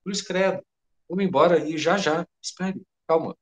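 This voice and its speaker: A man's voice: on the high side, moderate pace, lightly acted. A man with a Brazilian Portuguese accent reading the part of a frightened head cook who babbles breathlessly and swears by his mother. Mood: rattled. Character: panicked middle-aged male head cook.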